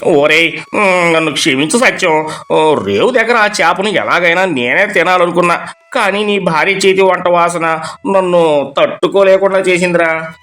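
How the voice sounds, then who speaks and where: A man's voice: sits high, normal speed, fairly bright tone. A man voicing a sneaky middle-aged neighbor who wheedles and pleads after being caught stealing. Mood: apologetic. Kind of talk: animated storybook voice acting.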